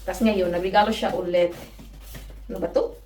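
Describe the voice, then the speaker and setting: A woman's voice: on the low side, steady tone, normal speed, dark tone, recorded from a distance. A woman from the Philippines chatting casually at home in a vlog. She giggles often and keeps saying "mga my guys.". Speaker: vlogger. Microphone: phone camera. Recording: roomy echo, off-mic, noisy.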